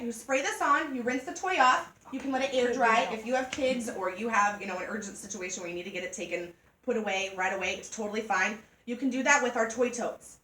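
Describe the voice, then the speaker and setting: A woman giving a joking, animated sales demonstration to a group of women. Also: a little high, a little hiss or hum. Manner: chatty, joking, animated storytelling. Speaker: party product consultant. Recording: echoey room from far off.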